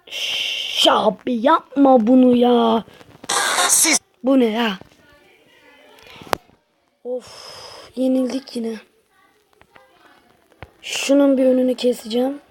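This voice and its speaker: A woman's voice: a little high, steady tone, slow pace, pauses often, slightly rough. A woman giving casual gameplay commentary to her viewers, grumbling and exasperated as she plays. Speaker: gaming channel host.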